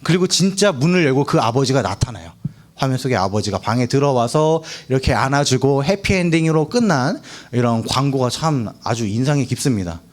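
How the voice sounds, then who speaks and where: A man's voice: medium pitch, lively intonation, a little fast. A young man giving a playful youth sermon, quizzing the students and acting out quotes. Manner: playful, asks the students questions, acts out quotes. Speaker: youth pastor. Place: church hall.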